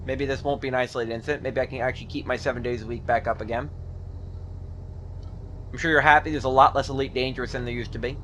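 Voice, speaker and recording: A man's voice: mid-range voice, steady tone, fast, a bit bright, a little hiss or hum. A man casually commentating his own gameplay in a jokey, punning, chatty way. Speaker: gaming video host. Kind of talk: casual let's play commentary.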